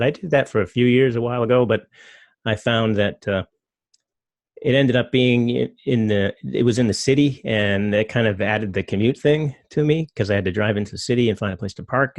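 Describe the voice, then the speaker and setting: A middle-aged man giving a relaxed talk, loose and rambling, full of fillers. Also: lowish voice, no room sound. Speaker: presenter. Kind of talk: casual talk with slides.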